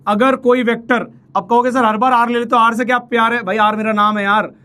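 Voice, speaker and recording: High-voiced man teaching math playfully. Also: little pitch movement, brisk, pushed and bright. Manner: chatty, playful, talks to students as "bhai"; counts steps aloud while drawing. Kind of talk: casual Hinglish math lecture.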